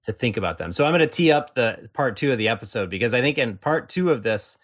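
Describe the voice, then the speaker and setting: A man's voice: mid-range voice, expressive, quick pace. A man talking casually as a podcast guest, rambling with lots of fillers and restarts. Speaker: podcast guest, enrollment strategist. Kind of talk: casual conversational chat.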